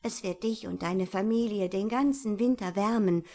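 A woman's voice: mid-range voice, moderate pace, lightly acted. A woman reading a children's story aloud and voicing a female barn owl who begs for help and later offers it kindly. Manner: pleading, tearful, later gentle and solemn. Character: desperate, then grateful female barn owl.

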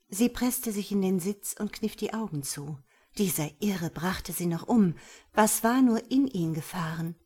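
A woman reading an audiobook excerpt in a calm, measured storytelling voice. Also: lowish voice, breathy edge. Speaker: audiobook reader. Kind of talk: scripted audiobook narration.

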